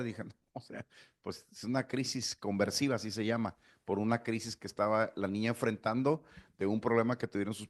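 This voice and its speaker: A man giving an informal psychology talk, answering questions and acting out little dialogues, with many restarts and fillers. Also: medium pitch.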